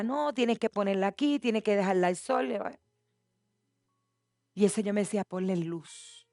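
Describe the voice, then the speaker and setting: A woman pastor preaching a sermon, moving from soft, hushed passages to loud, impassioned declarations. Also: medium pitch, dry recording. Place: church.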